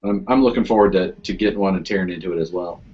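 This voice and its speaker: A man's voice: low voice, quick pace, dull audio, slight background noise. A man hosting a casual podcast chat, rambling and filling his talk with "you know" and restarts. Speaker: podcast host.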